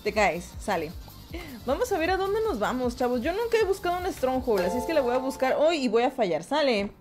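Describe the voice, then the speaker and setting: A woman's voice: sits high, very animated, brisk, over music. A young woman with a Mexican Spanish accent, chatting casually on a live stream and greeting her viewers by name.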